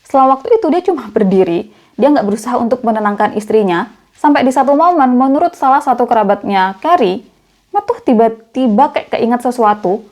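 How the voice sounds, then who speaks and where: Quick chatty woman telling true crime. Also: on the high side, animated, a little mellow. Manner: chatty, conversational retelling. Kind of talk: casual true crime narration.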